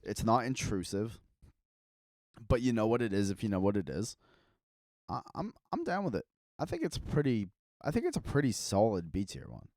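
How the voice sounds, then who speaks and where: A laid-back man with a lowish voice that swings up and down a lot, chatting on a podcast. He talks loosely with plenty of fillers, close on the mic in a dry room. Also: wildly swooping pitch, moderate pace, darkish tone, no echo. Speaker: podcast co-host. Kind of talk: casual chat.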